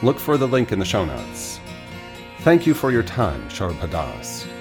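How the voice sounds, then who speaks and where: A podcast host with a lowish voice reads a scripted introduction over music and then moves into asking interview questions. His pitch swoops wildly at a normal speed, and he often stammers and repeats words while asking.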